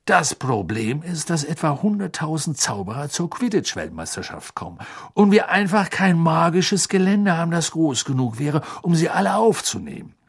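Brief: man playing kindly wizard dad from a storybook, patient, slightly husky. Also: a little high, big pitch swings, moderate pace, pitched above the performer's own voice, full character voice. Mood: explaining. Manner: patient, explaining, sighing. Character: kindly middle-aged wizard father, patient explainer. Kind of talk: audiobook reading.

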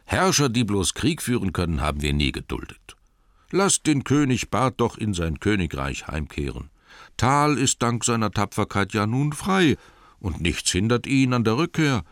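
Man putting on a pompous, shouting town mayor. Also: on the low side, big pitch swings, moderate pace, no echo, studio quality, pitched above the performer's own voice. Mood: scornful. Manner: loud, ringing oratory. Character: sly pompous older male town mayor. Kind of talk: audiobook reading.

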